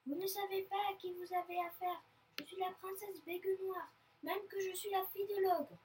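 A woman's voice: very high voice, flat delivery, normal speed, darkish tone, recorded from a distance, a little hiss or hum, voice pushed up. A woman reading a storybook, voicing a proud, haughty little princess girl.

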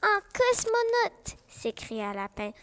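An eager young male rabbit from a storybook, put on by a woman reading aloud. His voice is high and swoops up and down with childlike excitement. A faint hiss of noise sits behind him. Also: slow, exaggerated voice.

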